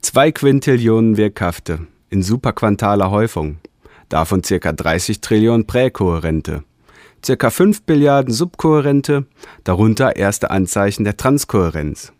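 A man's voice: lowish voice, expressive, normal speed, darkish tone, no room sound, clean studio sound, close to an everyday voice. A man voicing a precise alien information officer rattling off figures.

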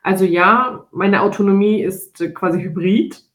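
A woman in her twenties from Germany co-hosting a podcast, speaking in a thoughtful, measured way. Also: medium pitch. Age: 20s. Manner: thoughtful, measured, laughs easily. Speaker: podcast co-host. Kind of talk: casual podcast conversation. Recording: roomy echo.

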